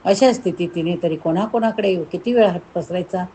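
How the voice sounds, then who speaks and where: A woman's voice: on the low side, fairly quick, warm tone, slightly rough. A woman narrating a devotional story in a rhythmic, emphatic way, with rhyming lists.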